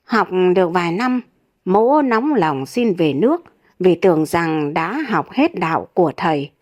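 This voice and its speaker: A woman narrating comic folk tales in a steady, even voice. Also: lowish voice, measured pace, dry recording, studio quality. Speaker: storyteller.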